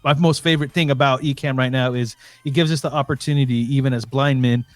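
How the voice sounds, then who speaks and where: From his computer at home, another male live stream co-host talks fast in a mid-range voice with fairly even intonation. He teases his partner in a loose, chatty back-and-forth full of restarts. The recording is dry.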